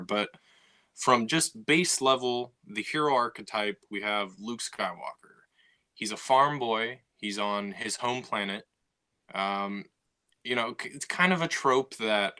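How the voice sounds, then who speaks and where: Here a male podcast co-host talks through ideas in a loose discussion, using many fillers and restarts. The voice is lowish with a sharp tone.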